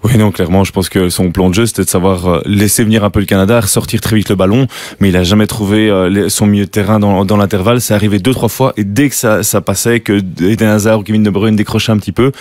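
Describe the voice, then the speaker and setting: A man's voice: fairly low pitch, fairly even intonation, fast talker, a little mellow, dry recording. A man giving blunt, opinionated football analysis on a studio panel. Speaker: football pundit. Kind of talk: studio sports discussion.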